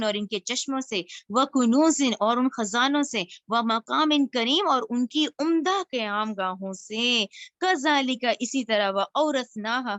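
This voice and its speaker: A woman teaching a Quran lesson, reciting each Arabic phrase slowly and then explaining it in casual spoken Urdu. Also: fairly high pitch, a bit bright, no echo. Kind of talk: word-by-word Quran translation lesson.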